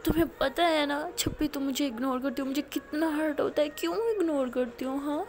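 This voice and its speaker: A woman's voice: high-pitched, fairly quick, a little mellow, pitched above the performer's own voice, lightly acted. A woman voicing a clingy, insecure young college woman in love, speaking in a pleading, emotional way. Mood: hurt.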